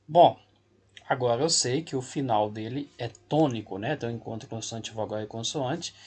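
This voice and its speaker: Guy teacher going over verb rules slow and patient, kinda husky voice, mid pitch. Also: darkish tone. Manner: patient, reassuring, repeats key points. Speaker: English teacher. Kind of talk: classroom lesson explanation.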